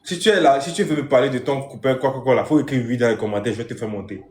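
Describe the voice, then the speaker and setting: Playing a strict father on a comic live stream, a man with a medium-pitched voice races through an emphatic lecture full of repeated phrases. There's a roomy echo on the recording.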